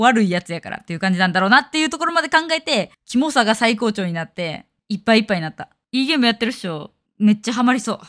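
A woman streamer in her thirties with a Kansai accent, chatting casually to her viewers in a blunt, scornful way. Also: mid-range voice. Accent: Kansai Japanese. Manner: blunt, scornful, animated rants.

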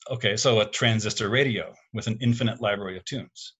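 A man voicing a calm, self-deprecating middle-aged father in a read-aloud story, close to his own voice. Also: lowish voice, fairly quick, slightly rough. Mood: joking. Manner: calm, gently joking.

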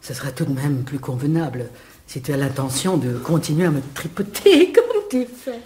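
An actress playing an excitable aristocratic viscountess in a theatrical radio play. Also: female voice, moderate pace, reverberant, a little hiss or hum. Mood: scornful. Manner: shrill outbursts, theatrical. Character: haughty excitable aristocratic viscountess, middle-aged.

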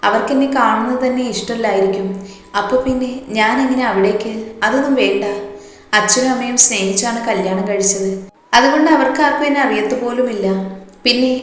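A woman voicing a gentle, frightened young heroine in a spoken love story, soft and subdued. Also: fairly high pitch, fairly quick, lightly acted. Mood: fearful. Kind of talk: storytelling voice acting. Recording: very echoey room, long reverb.

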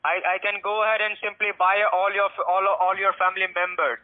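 A man's voice: high-pitched, level tone, a little fast. A man on a phone call, hurling profane insults in broken English. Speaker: phone scammer. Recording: tinny phone line.

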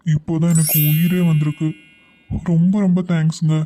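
A woman voicing a gentle elderly grandfather in a cartoon, speaking slowly and softly. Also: deep voice, little pitch movement, close to an everyday voice.

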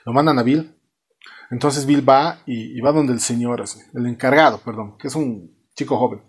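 A young man from Bolivia casually retelling a cartoon episode, animated and laughing as he acts out the characters. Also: medium pitch, moderate pace, breathy edge. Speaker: host reviewing a cartoon series.

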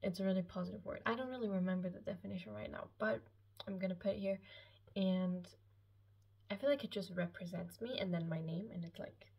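Indoors in a small, lived-in room at home, a late-teen Austrian girl of 17 who speaks German does a casual personal Q&A for her YouTube channel. She talks a little fast in a creaky, husky mid-range voice with fairly even intonation, sounding hesitant, rambling, and self-conscious. The sound is lo-fi.

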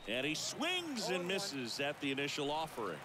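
A man playing a baseball play-by-play announcer in a video game, calling each pitch and hit. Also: wildly swooping pitch, moderate pace. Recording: game audio with clear background noise.

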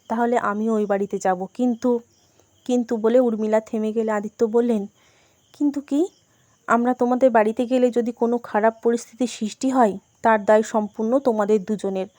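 A woman narrating a family drama and reading all of its characters in one steady storytelling voice. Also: fairly high pitch, no echo. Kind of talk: scripted narration.

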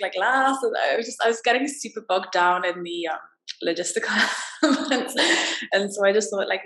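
A woman, a guest novelist talking casually about her book on a video call, slightly croaky from a cold, with lots of fillers and restarts. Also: medium pitch, a bit bright. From Wales. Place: small plain room indoors. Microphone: laptop video call. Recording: roomy video call audio.

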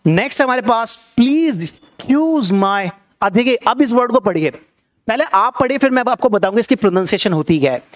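An Indian man teaching an English class live, explaining in Hindi and saying the English phrases slowly and more than once. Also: very high voice, expressive. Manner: coaxing, asks viewers to read along.

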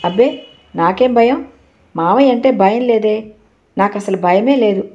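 A woman voicing a shy, timid teenage boy who gets flustered and bashful, in a mellow voice on a dull, lo-fi recording. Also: medium pitch, unhurried, lightly acted.

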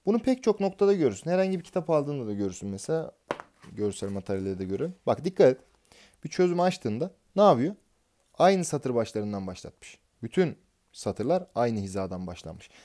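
A man's voice: mid-range voice, dark tone. A man teaching an exam prep lesson, explaining concepts step by step and answering his own questions as he goes.

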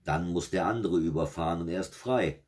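A man reading aloud and voicing the devil in a fairy tale, a gruff, short-tempered male with a slow, mocking drawl. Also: low-pitched, darkish tone, close to an everyday voice.

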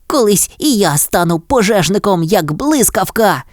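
A woman's voice: mid-range voice, very animated, a little slow, dry recording, clean studio sound, pitched above the performer's own voice. A woman voicing a cocky young boy dalmatian puppy in a storybook reading, with a teasing manner. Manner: teasing, doubtful.

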